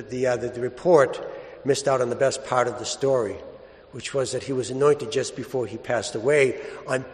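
A man, a priest, reading the gospel and preaching in a large church, telling stories plainly with some restarts. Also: medium pitch. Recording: long church reverb.

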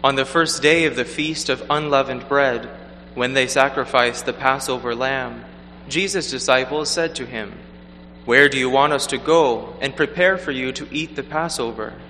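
A man reading the gospel and preaching a homily at Mass in a measured, earnest way, his voice ringing with cathedral echo in a large church. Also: medium pitch, bright, forceful tone. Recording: long church reverb, faint hum.

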